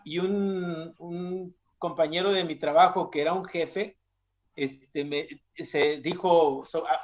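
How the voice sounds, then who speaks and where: A young man from Mexico preaching a sermon in a conversational way, often putting questions to his listeners. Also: high voice. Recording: dull lo-fi sound.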